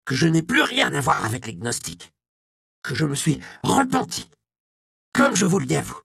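A man's voice: fairly high pitch, wildly swooping pitch, moderate pace, vocal fry, a bit bright, no room sound, clean studio sound, voice pushed up, full character voice. A man voicing a frightened, pleading old defrocked monk in an audiobook. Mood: anxious. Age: older. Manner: anxious, pleading.

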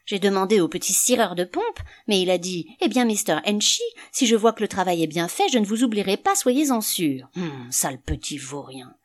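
A woman's voice: medium pitch, lively intonation, normal speed, hardly any pauses, natural voice. A woman reading an audiobook, voicing a grumbling, scornful middle-aged male canvasser with an indignant, sneering manner.

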